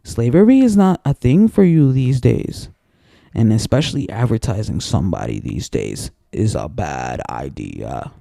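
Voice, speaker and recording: A man's voice: lowish voice, very animated, unhurried, vocal fry, mellow, no room sound, clean studio sound. A man in an angry, profane, rambling personal rant to camera, repeating himself as he gets worked up. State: emotionally worked up.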